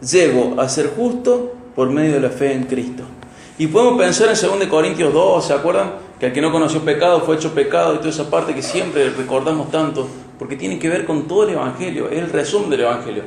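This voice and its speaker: A man with an Argentine Spanish accent preaches an expository sermon from the pulpit. His voice sits a little high, and he swings from loud, emphatic peaks to soft, quiet passages. The sound is roomy, with the echo of a church hall and a faint hiss. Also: a little fast, vocal fry. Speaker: pastor.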